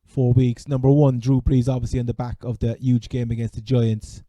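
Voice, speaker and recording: A man with a Cork Irish accent chatting casually as a sports podcast host, halting and repeating words as he goes. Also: medium pitch, little pitch movement, mellow, dry recording. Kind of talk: casual fantasy American football chat.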